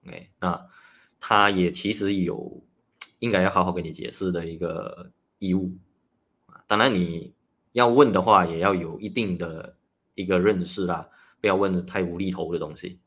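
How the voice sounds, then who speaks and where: Deep voiced guy, chatty nutritionist on a livestream, lots of drawn out "ah"s. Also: fairly even intonation, a bit bright, slightly rough. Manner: chatty and explanatory, starts many phrases with drawn-out "ah". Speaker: nutritionist host. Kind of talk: casual livestream talk.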